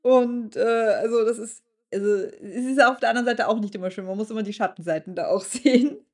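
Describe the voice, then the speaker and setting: A woman's voice: fairly high pitch, a little fast. A woman who is an artist and event organizer, speaking candidly in a casual podcast chat. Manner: candid, laughs easily, restarts often.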